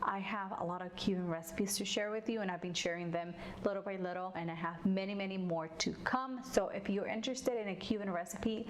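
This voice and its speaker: Cuban-born woman doing a cooking video, friendly chatty tone, pan frying loud in the background. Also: medium pitch, fairly even intonation, fairly quick, hardly any pauses, slight background noise. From Cuba. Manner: friendly, chatty, addresses viewers directly. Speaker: cooking channel host. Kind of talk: cooking tutorial. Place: home kitchen. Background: sizzling frying food.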